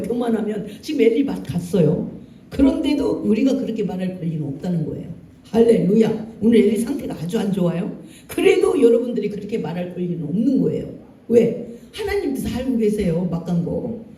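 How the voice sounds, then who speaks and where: A pastor preaching a Sunday sermon, lively and colloquial, acting out scenes with jokes and emphasis. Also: mid-range voice. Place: church sanctuary. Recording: distant echoey church hall.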